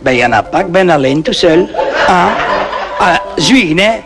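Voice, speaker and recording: Male comedian as a Flemish peasant storyteller, high-pitched voice, rambling French full of "hein" and Dutch oaths, old vinyl with music. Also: lively intonation, normal speed. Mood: boastful. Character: boastful Flemish peasant man telling tall tales. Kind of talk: comic monologue in broken French. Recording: old 1960s record with music.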